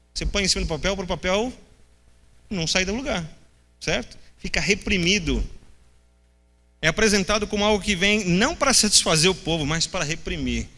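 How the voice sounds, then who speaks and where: Brazilian guy teaching sunday bible class, acts out the questions all sarcastic, bright sharp voice, long echo like a big hall. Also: fairly high pitch. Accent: Brazilian Portuguese. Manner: acts out the people's questions in a mocking tone; talks straight to the class as brothers. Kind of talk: church Bible class lesson.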